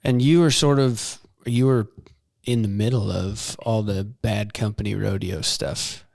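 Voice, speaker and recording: A man hosting a casual podcast interview in a saddle shop, easygoing and quick to laugh. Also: lowish voice, fairly even intonation, creaky, darkish tone, dry recording, clean studio sound. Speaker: podcast host.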